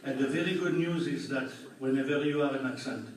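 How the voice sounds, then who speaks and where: An older man with a French accent, a public health doctor, presents at a community meeting with dry jokes and plain explanations. His medium-pitched voice moves a little fast over crowd noise, recorded from far off in an echoey, large public hall.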